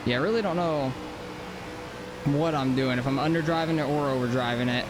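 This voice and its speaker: A man's voice: mid-range voice, brisk. A man giving casual, informal live commentary while sim racing, thinking aloud as he drives. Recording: engine noise behind voice. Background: racing game car engine.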